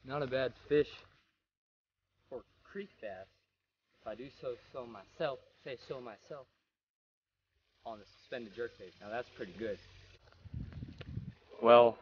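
A muffled recording with slight background noise captures a teen fishing vlogger with a medium-pitched voice. Holding his phone at arm's length by a small creek, he narrates the trip loosely and easygoingly, repeatedly hedging with "I don't know."

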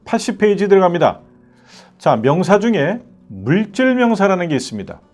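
Man, English teacher, animated lecture, rhetorical questions, slow example sentences for repeating, faint guitar music behind. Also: high voice.

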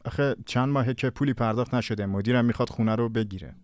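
A man's voice: mid-range voice, a little mellow, no echo, lightly acted. A man voicing a polite, apologetic man who is handling a house sale in a dubbed drama. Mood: sympathetic. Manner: formal and polite. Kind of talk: Persian drama dubbing.

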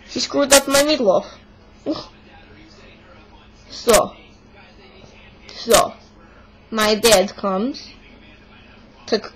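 A woman doing a grumbling fake-Russian meatloaf lover. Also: a little high. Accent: put-on Russian accent. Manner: broken English, dropped articles, exaggerated complaining. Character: indignant young Russian woman, meatloaf-obsessed, stubborn. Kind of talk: comic monologue in character. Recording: noisy home video recording.

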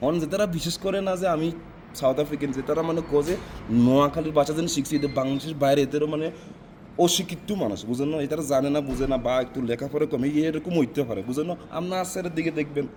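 A man's voice: on the high side, very fast, a little mellow, a little hiss or hum. A man from South Africa answering interview questions in Bengali with a non-native Noakhali dialect accent, rambling and often asking "right?".

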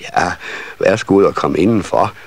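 A man reading a children's story and voicing a calm, motherly female elf who soothes and gently scolds. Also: low-pitched, gravelly. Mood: soothing.

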